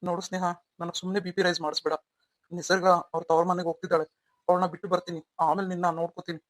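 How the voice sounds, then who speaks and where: A woman's voice: fairly low pitch, level tone, racing, no room sound, close to an everyday voice. A woman voicing a protective young husband. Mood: angry. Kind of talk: melodramatic audio story acting.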